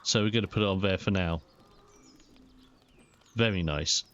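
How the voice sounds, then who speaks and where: A young man giving casual, chatty and expressive let's play commentary on a video game. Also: sits low, moderate pace, clean tone, highs cut off. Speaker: gaming video host.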